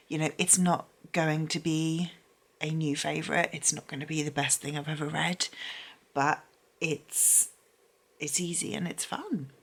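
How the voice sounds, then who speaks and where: This woman vlogs about books in a loose, rambling chat, restarting sentences and leaning on fillers. She is losing her voice and sounds tired and unwell, her low voice slightly bright with a breathy edge.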